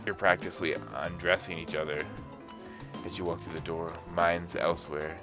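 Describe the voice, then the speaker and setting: A man's voice: low voice, little pitch movement, normal speed, over music. A young man reading a dating game aloud, joking and doing voices as he plays. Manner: jokey, reads dialogue in voices. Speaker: gaming YouTuber.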